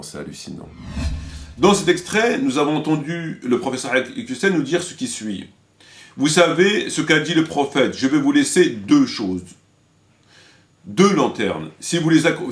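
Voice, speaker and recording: A religious commentator and video presenter offers informal spoken critique to his viewers. His low-pitched voice is halting and repetitive as he searches for words.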